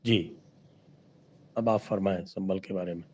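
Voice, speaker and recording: A man's voice: low voice, fairly even intonation, measured pace, a little mellow, slight background noise. A man hosting a political discussion, steering the talk with short, wry interjections. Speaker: host.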